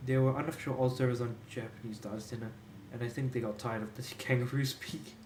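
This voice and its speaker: A man's voice: medium pitch, fairly even intonation, quick pace, background noise. Laid-back rambling male game streamer. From Australia. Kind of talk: casual live-stream chat. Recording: echoey room.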